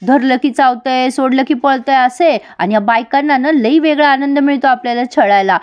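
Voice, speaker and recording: A woman's voice: high-pitched, normal speed, clear, resonant tone, highs cut off, close to an everyday voice. A woman voicing a playful, lovesick young husband from a village, bantering in a folksy way.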